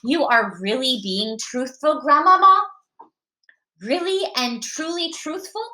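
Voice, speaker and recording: A woman's voice: high voice, lively intonation, slow pace, sharp tone, voice pushed up, exaggerated voice. A woman voicing a young orphaned boy in a storybook reading, asking questions in a raised, pleading voice.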